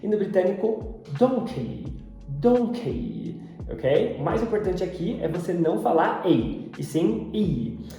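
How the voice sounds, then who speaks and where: Man, Brazilian Portuguese accent, pronunciation teacher, lively up-and-down voice, very roomy echo. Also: high voice, faint music behind. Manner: repeats English words slowly and deliberately, often several times. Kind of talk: pronunciation lesson. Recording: very echoey room.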